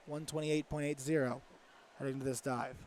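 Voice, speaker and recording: A man giving live commentary at a diving championship, briskly announcing each diver and score. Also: mid-range voice, level tone, darkish tone, a little hiss or hum.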